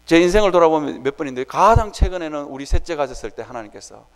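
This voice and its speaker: High, lively male preacher in reverberant church. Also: fast. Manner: animated storytelling, acting out his own prayers. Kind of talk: sermon. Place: church sanctuary.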